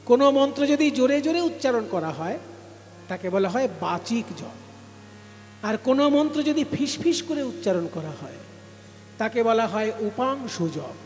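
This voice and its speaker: A man's voice: very high-pitched, lively intonation, normal speed, long reverb tail, soft background music. A man leading a devotional singing performance, telling a saint's story and explaining it like a teacher, breaking into song. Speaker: kirtan singer and storyteller. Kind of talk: sung devotional storytelling sermon.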